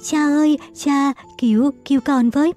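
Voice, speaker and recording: A woman voicing a young pregnant wife in a storybook, hurt and pleading, her voice pushed up high and thin. she speaks, in a soft, mellow tone, with faint music underneath. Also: normal speed, close to an everyday voice. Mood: desperate. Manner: pleading, crying out for help.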